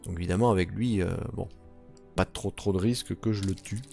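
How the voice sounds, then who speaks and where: A man's voice: low-pitched, fairly quick, vocal fry, warm tone, faint music behind. A man commenting on a solo board game playthrough, counting moves aloud and muttering asides.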